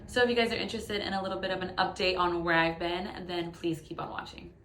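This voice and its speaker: A woman in her late twenties, a YouTube vlogger, gives a chatty, candid personal update to her phone in her living room. Her voice is on the low side and a bit bright, and she talks at a quick pace. The phone picks up an echoey room sound.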